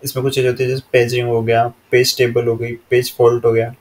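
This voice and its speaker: A man with an Indian accent explaining computer memory slide by slide, reading English lines slowly and then explaining them in a steady monotone. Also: medium pitch, slight background noise. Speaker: teacher.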